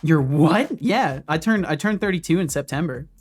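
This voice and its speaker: This thirty-something game developer has a slightly high, slightly rough voice and talks at normal speed while coding on stream in his home office. He chats with viewers in a relaxed way between coding comments, faint music audible in the background.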